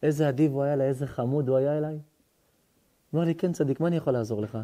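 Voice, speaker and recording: Telling a story as part of his sermon, a rabbi brings the characters' lines to life, jumping abruptly into excited, high-pitched voices and shouting.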